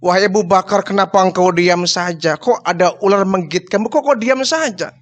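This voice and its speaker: A man's voice: high voice, fairly quick, lightly acted. A male preacher voicing a revered male leader who asks urgent, concerned questions in a raised voice.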